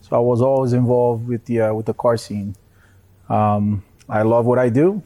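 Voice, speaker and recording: Mellow, halting man from Brazil. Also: mid-range voice, fairly even intonation. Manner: hesitant, halting. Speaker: interview guest. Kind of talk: casual chat.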